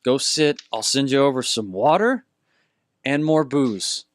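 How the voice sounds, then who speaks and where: A man voicing a gruff, annoyed tavern bartender in a tabletop game, scolding a loud customer. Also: mid-range voice, lively intonation, measured pace, no echo, studio quality, pitched above the performer's own voice, close to an everyday voice. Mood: bossy.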